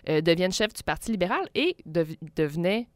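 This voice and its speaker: A woman explaining politics in a measured radio discussion, with frequent hesitations. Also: fairly low pitch, very animated, no room sound. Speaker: political commentator.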